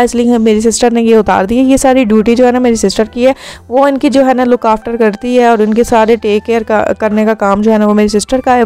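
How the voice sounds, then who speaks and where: A woman's voice: on the high side, darkish tone, smooth. A young woman, a vlogger narrating her day in a casual, chatty voice-over full of filler phrases. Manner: chatty, many filler phrases, talks fast.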